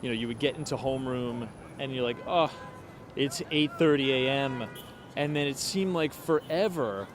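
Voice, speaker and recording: Over music and background street noise, a man in his late twenties talks casually to his livestream while walking outside on cold city streets at night. His mid-range voice holds a normal speed, and he thinks aloud with fillers.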